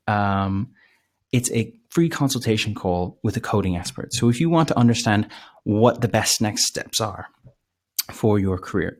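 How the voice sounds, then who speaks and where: A man presenting a live webinar, talking casually with many fillers and restarts, his voice a little hoarse. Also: fairly low pitch. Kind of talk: live webinar sales pitch.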